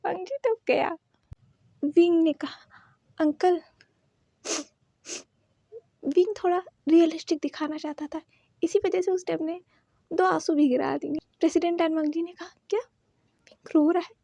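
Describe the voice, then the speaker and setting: A woman narrating a fan fiction story in a lively manner, acting out every character. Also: very high voice, moderate pace, gravelly, no room sound, lo-fi sound.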